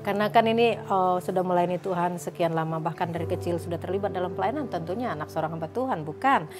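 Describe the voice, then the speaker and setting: A woman's voice: fairly low pitch, fast talker. Woman hosting a religious talk show. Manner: steady affirming murmurs, warm encouraging interviewer. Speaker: host.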